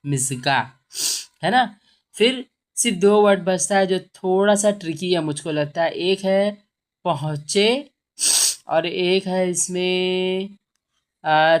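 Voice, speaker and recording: A woman teacher explaining a textbook reading lesson, patiently repeating and sounding out words. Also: deep voice. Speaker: Urdu teacher.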